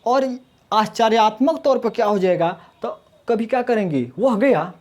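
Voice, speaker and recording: A man's voice: high voice, expressive, darkish tone. Man teaching with rhetorical questions. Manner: asks rhetorical questions and answers them, says "friends" often; sounds out letters slowly to demonstrate. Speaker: Hindi grammar teacher. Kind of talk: explanatory online lesson.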